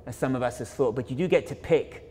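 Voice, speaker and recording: In a lecture hall with long reverb, a young man who works as a photographer and filmmaker gives an informal illustrated university talk. His mid-range voice is a little mellow and quick, reflective yet full of fillers and self-corrections.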